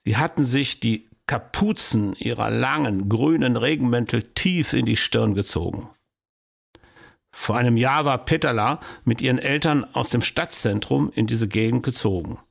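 Man, storybook narrator, calm, measured, gravelly voice. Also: medium pitch. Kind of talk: storybook reading.

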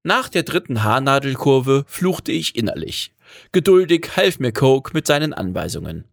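A man's voice: medium pitch, very animated, moderate pace, creaky, no room sound, studio quality. A man narrating a first-person audiobook story with a wry, self-mocking manner.

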